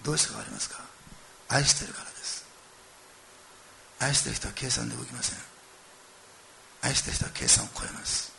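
Gravelly, fast-talking animated preacher man. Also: mid-range voice, slight background noise. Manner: animated storytelling, acting out quoted lines and addressing listeners directly. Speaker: pastor. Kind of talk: sermon.

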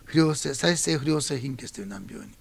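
Gravelly fast-talking male pastor. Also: mid-range voice, no room sound. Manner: fast-talking, animated storytelling. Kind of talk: sermon testimony.

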